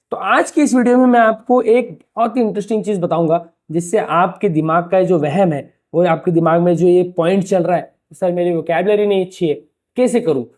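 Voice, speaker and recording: Mellow-voiced man teaching in a chatty way. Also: sits high. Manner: rhetorical questions, addresses listeners as "bhaiya"; talks to the viewer like a familiar tutor. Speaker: English teacher. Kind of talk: casual explanatory lesson to camera.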